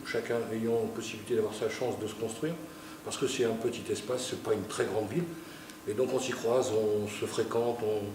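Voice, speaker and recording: A man's voice: mid-range voice, a little mellow, slight background noise. A man from France speaking earnestly, with some hesitation, about joining an amateur theatre group. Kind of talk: casual spoken account. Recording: echoey room, distant mic.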